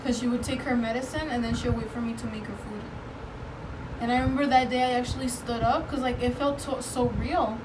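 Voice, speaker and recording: A woman's voice: steady tone, a little fast. A woman casually telling a personal story to friends in a conversational way, often using "like" as a filler. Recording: noisy, distant mic, background rumble.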